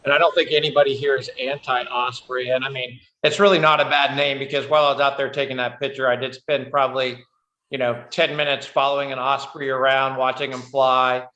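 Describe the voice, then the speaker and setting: A man on a city council talks in a loose, rambling way. His voice is bright. The sound is echoey and a bit dull. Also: mid-range voice, little pitch movement, brisk. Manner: rambling, many fillers. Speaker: council member. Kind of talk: council meeting discussion.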